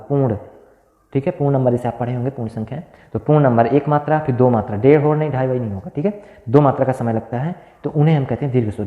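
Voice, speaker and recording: Male grammar teacher, drills terms with rhetorical questions, tinny phone-like audio, long reverb. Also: medium pitch. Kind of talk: grammar lesson at a board. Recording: echoey room, tinny phone-like sound.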